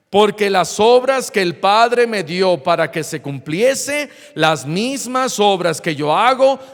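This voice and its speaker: A man, a pastor preaching an animated sermon in church who acts out dialogue. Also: high voice, in a large hall.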